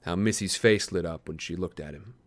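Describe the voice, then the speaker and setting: A man with a deep, lumberjack-like voice gives a dramatic scripted narration, hushed, measured and suspenseful. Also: dry recording.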